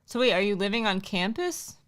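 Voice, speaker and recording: A woman's voice: mid-range voice, lively intonation, brisk, a bit bright, clear, resonant tone. A woman with an ordinary mid-range voice chats on a livestream. She is talkative and teases her co-host playfully. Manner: chatty, teasing. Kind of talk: casual chat.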